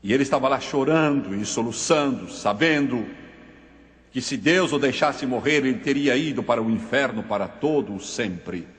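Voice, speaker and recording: A man preaching a dramatic sermon, telling a story in a slow, solemn, emphatic way. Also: medium pitch, expressive, long reverb tail.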